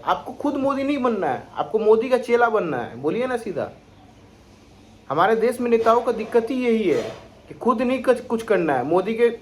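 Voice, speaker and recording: A young man with a noticeably high voice vents about politics in a vlog, speaking. He is indignant and sarcastic and keeps firing rhetorical questions at his target. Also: a little hiss or hum. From Bihar, India. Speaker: political commentator vlogger. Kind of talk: opinionated political rant.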